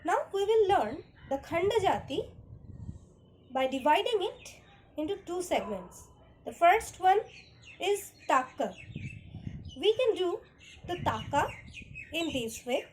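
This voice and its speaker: A woman's voice: very high-pitched, sing-song, slow, pauses often, a little hiss or hum. A woman teaching an online dance lesson, calling out rhythm syllables and counts.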